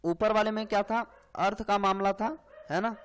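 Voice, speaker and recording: Male tutor with a high voice, for an exam-prep grammar lesson; slow, repetitive, keeps checking the student follows. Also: steady tone, clean tone. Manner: explains slowly, repeats lines, frequent "hai na" and "theek hai". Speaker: Hindi grammar teacher.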